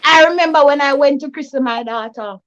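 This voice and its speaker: A woman's voice: high-pitched, a little fast, fairly bright tone, lo-fi sound. A Jamaican woman in her forties on a panel, earnestly telling her own story. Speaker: panel guest. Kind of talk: personal testimony on a panel.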